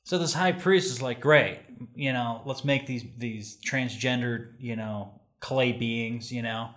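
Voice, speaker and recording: A man's voice: mid-range voice, a little slow, a bit bright. A man casually retelling an ancient myth in conversation, with loose fillers and restarts.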